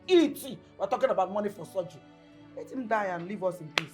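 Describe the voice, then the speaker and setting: In a film drama, a woman with a fairly low, natural voice plays a bitter, impatient middle-aged mother with a Nigerian accent, speaking fast and animatedly. Agitated and callous toward her sick husband, she scolds and repeats herself for emphasis while music plays behind the dialogue.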